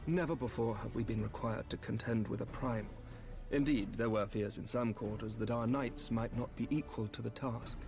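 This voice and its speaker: An actor playing a courtly, measured knight commander in a fantasy game, with a smooth, snake-like voice. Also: male voice, mid-range voice, music in the background, lightly acted. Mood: formal, grave. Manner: formal, deliberate, diplomatic. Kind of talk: fantasy video game acting.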